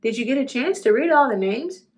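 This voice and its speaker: A caring male schoolteacher from a picture book, voiced by a woman reader. He is attentive and encouraging, delivered with lively storybook intonation. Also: high voice, brisk. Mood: concerned.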